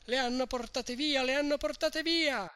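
A reader voicing an alarmed crowd of village men who shout frantic questions over each other, in an audiobook of a classic novel. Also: sits high, normal speed, dry recording, clean studio sound, pitched above the performer's own voice.

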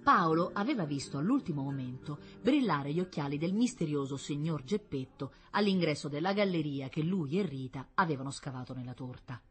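A woman reading a children's story aloud as narrator, steady and storytelling. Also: deep voice, brisk, hardly any pauses. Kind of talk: audiobook narration.

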